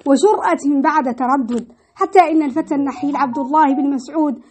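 A woman narrating a historical story in an expressive, dramatic reading style with shifting emphasis. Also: high-pitched, fast talker, slight background noise.

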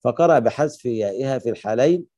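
A man teaching Quran recitation rules, slowing down to chant the quoted verses. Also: medium pitch, expressive, mellow, dry recording, studio quality. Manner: slows to chant quoted verses, mixes in Egyptian colloquial asides.

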